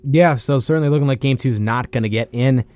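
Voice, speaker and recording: A man's voice: medium pitch, fast talker, darkish tone. A man co-hosting a casual sports talk show in a matter-of-fact, skeptical way. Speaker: sports radio co-host.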